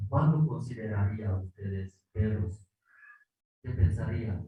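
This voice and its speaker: In a fairly low, unhurried voice, a Korean-accented pastor from South Korea preaches a sermon with Bible reading in simple, repetitive Spanish full of rhetorical questions. The audio is narrow and tinny, a distant, echoey online service recording.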